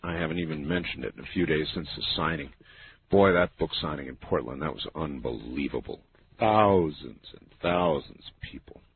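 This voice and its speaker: A man with a smooth radio host delivery, running a late-night call-in show and talking to his listeners. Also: extremely low pitch, animated, moderate pace. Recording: tinny lo-fi radio broadcast with faint hiss.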